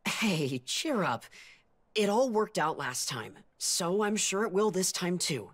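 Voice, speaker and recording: Game role: earnest, easygoing teen boy, husky, animated, swooping delivery. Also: high voice, slow pace, heavily acted. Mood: encouraging. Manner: eager, casual, animated. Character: earnest, excitable, easygoing teenage boy, loyal buddy. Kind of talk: scripted video game acting.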